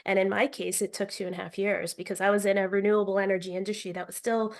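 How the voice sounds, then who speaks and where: A middle-aged American woman, a travel writer guest, telling stories in an animated way with frequent fillers. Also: medium pitch, quick pace. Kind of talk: casual interview chat.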